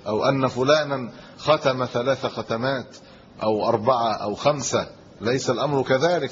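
A man preaching a sermon, emphatic and rising on key phrases, then dropping low and soft in the closing supplication. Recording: dull lo-fi recording with faint noise.

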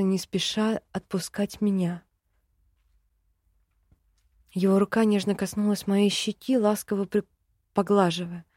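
A woman's voice: medium pitch, mellow, dry recording, studio quality. A woman narrating a first-person novel in an emotive storytelling manner. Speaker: audiobook narrator.

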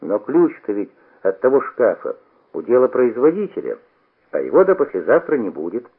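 A man voicing an excitable, boastful teenage boy who shouts eagerly. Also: mid-range voice, normal speed, slightly rough. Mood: excited. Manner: eager, shouting, sing-song. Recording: tinny old radio broadcast.

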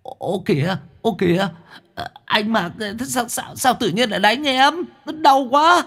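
A man voicing a brash, foul-mouthed male demon sidekick who taunts loudly and whines when struck. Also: very high-pitched, animated, a little slow, creaky, pitched above the performer's own voice, exaggerated voice. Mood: whining.

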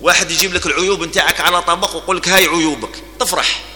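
A man's voice: fairly high pitch, steady tone, racing, bright, forceful tone, long reverb tail. A man with an Algerian accent giving a religious lesson, telling stories and moving between formal Arabic and dialect. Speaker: preacher.

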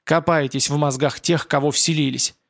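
A man reading the part of a gruff, blunt older male priest and war veteran in an audiobook. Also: on the high side, steady tone, normal speed, no echo, clean studio sound. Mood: hostile. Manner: blunt, commanding.

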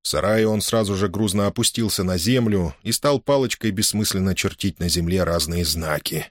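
A man narrating a novel as an audiobook in a steady, expressive reading. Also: low-pitched, normal speed, no room sound, clean studio sound.

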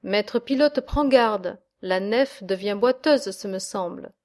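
Wary boat pilot, low and grave, woman reader. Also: slow pace, darkish tone, natural voice. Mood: uneasy. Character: wary old male river pilot.

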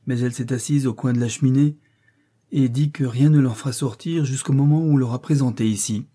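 A man's voice: mid-range voice, steady tone, fairly quick, warm tone, voice pushed up, close to an everyday voice. A man voicing a hesitant, deferential male servant in a storybook reading.

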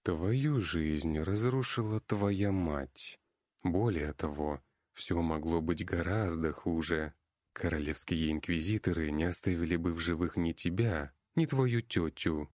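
A man's voice: low-pitched, no room sound, clean studio sound. A man voicing a cold, scheming elf lord. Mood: coldly persuasive. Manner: slow, calm, persuasive.

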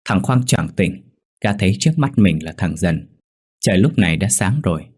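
A man narrating a ghost story in a measured, suspenseful manner. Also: sits low, expressive, darkish tone, slightly rough. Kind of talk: scripted horror story narration.

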